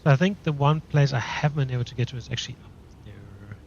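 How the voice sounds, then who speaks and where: A man's voice: mid-range voice, fast, a little mellow, highs cut off, a little hiss or hum. A man streaming a video game live, commenting casually and reading dialogue choices aloud.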